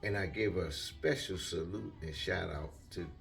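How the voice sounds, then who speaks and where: A man's voice: low voice, normal speed, creaky, faint music behind. An older retired man telling a long casual story in a rambling way, acting out what people said. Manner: rambling, animated, acts out quotes.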